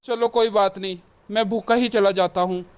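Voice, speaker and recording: A woman's voice: medium pitch, fairly even intonation, moderate pace, clean tone, muffled recording, voice pushed down, close to an everyday voice. A woman voicing an impatient middle-aged husband and father-in-law in a cartoon, speaking in curt requests.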